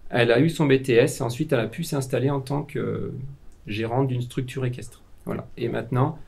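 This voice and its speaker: A man with a French accent explains training courses in an unscripted, halting way, full of "euh" and restarted phrases. His voice has a gravelly, creaky texture at an ordinary middle pitch. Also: fairly even intonation, a little mellow. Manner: hesitant, frequent fillers and restarts. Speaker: vocational school staff member. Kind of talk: informal presentation of training programs.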